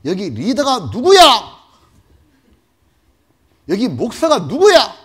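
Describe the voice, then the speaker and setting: A man's voice: high voice, wildly swooping pitch, takes it slowly, breathy edge, pitched above the performer's own voice, exaggerated voice. A man voicing an armed male militant captor who interrogates hostages in a barking, threatening way. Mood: demanding.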